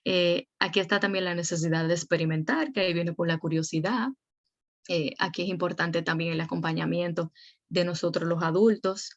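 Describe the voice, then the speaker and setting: Woman, 20s, fairly low voice, chatty teaching talk, dull dry lo-fi sound. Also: little pitch movement, a little fast, no room sound. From Dominican Republic. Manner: conversational, frequent "eh" fillers, acts out parents and teens. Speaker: educator. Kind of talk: educational talk.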